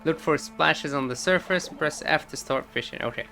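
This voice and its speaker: Excitable man on a gaming playthrough. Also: on the high side, normal speed, gravelly, over music. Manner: excitable, reads game text aloud. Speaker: gaming streamer. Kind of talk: casual let's-play commentary.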